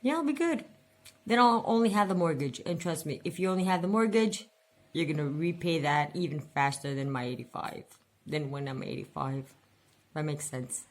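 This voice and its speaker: At a moderate pace and in a low-pitched voice, a forties-aged woman vents in her casual budget vlog, rambling along and repeating words to stress her points.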